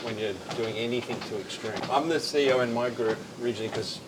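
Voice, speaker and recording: A man talks quickly and casually in an interview while moving on a treadmill. His pitch is mid-range, and loud ambient noise runs behind his voice. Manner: talking while exercising on a treadmill. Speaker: gym company founder and CEO.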